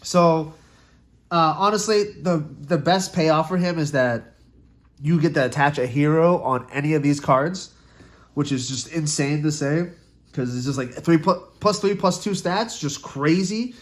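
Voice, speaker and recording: A man's voice: fairly high pitch, unhurried. A young man casually walking through a trading card deck, with loose, rambling talk, restarts and frequent swearing. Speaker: card game content creator. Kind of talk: casual deck tech breakdown.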